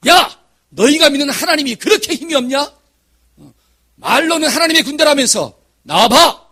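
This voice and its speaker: A man voicing a huge, boastful giant warrior who shouts taunts at his enemies, acted out in a sermon. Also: fairly high pitch, animated, a little fast, slightly rough, voice pushed down. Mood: taunting.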